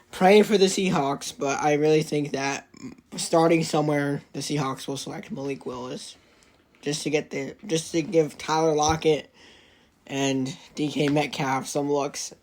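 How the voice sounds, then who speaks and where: A man's voice: on the high side, steady tone, measured pace. A man co-hosting a casual sports podcast, rambling and restarting his sentences.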